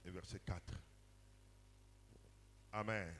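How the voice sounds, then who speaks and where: A man preaching a sermon in French with a Congolese accent, line by line for an interpreter, calling out in bursts and then teaching in calmer phrases. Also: deep voice, slow, slight background noise. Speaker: pastor.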